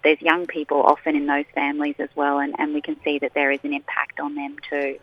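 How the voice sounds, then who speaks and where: Muffled phone audio, aussie woman getting interviewed on radio, lowish voice. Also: completely flat delivery, fairly quick. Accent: Australian. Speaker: charity chief executive, phone-in guest. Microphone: telephone. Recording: dull, roomy phone line.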